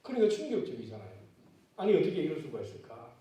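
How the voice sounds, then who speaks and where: High-voiced pastor in an echoey church. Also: male voice, wildly swooping pitch, fast, warm tone. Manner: conversational preaching with questions to the congregation. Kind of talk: sermon. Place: church sanctuary. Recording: very echoey church, mic far off.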